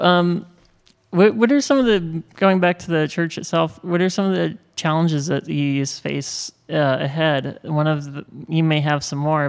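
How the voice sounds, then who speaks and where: A man's voice: fairly high pitch, gravelly, clear, resonant tone. A young man interviewing a guest in a casual, rambling way. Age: young adult. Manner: casual and rambling, many "like" fillers.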